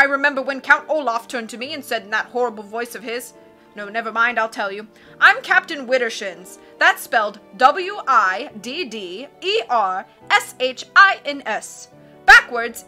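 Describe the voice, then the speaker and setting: A woman voicing a blustering, excitable male submarine captain from a storybook, roaring and constantly changing his mind. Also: fairly high pitch, soft background music, heavily acted. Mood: indignant. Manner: roaring, self-contradicting, rapid changes of mind.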